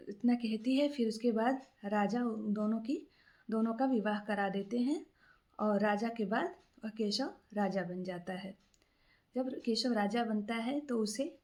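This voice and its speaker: Soft-toned woman telling a story. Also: mid-range voice. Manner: unscripted, many fillers and restarts. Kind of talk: casual spoken storytelling.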